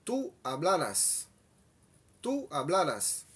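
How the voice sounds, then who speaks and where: A man teaching a language lesson, saying each phrase twice, slowly and deliberately. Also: on the high side, huge pitch swings, a bit bright, husky. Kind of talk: slow bilingual language lesson.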